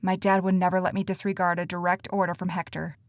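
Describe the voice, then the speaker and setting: A woman voicing a worried, gentle teenage girl who speaks softly and hesitantly, in an audiobook. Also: fairly low pitch, flat delivery, fast talker, dry recording, close to an everyday voice. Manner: soft, hesitant.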